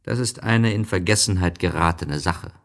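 A man voicing a wise, gentle fox in an audiobook reading, explaining things patiently and with a wistful tone. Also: sits low, normal speed.

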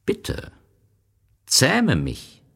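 A man voicing a wise, gentle fox in an audiobook reading, explaining things patiently and with a wistful tone. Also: medium pitch, huge pitch swings, drawn-out words, gravelly, pitched above the performer's own voice, heavily acted.

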